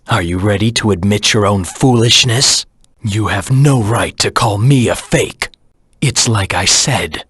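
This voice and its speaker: A brooding, proud hedgehog antihero from a video game. The voice is low and heavily rasped, recorded very dry and close. He speaks in a grim, terse, self-serious way. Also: fairly bright tone, dry recording, exaggerated voice. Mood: cocky, determined. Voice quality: low, husky rasp. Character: brooding, proud anthropomorphic hedgehog antihero, the ultimate life form. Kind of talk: video game character voice lines.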